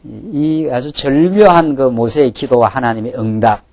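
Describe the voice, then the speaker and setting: A man preaching a sermon as pastor, emphatic, rising to loud declarations and then dropping low. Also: moderate pace, no echo.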